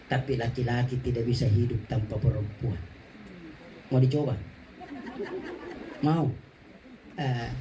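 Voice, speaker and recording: A man's voice: mid-range voice, mellow, a little hiss or hum, low-quality recording. A man giving a condolence sermon, telling stories with humor and slipping into local words. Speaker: preacher.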